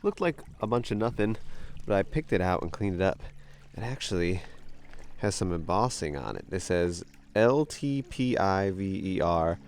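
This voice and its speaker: American guy, kinda low voice, casual outdoor treasure hunting vlog, excitable and goofy, talking to his camera. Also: a little hiss or hum. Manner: excitable exclamations and playful musing to camera. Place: outdoors along a wooded creek. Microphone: camera held at arm's length.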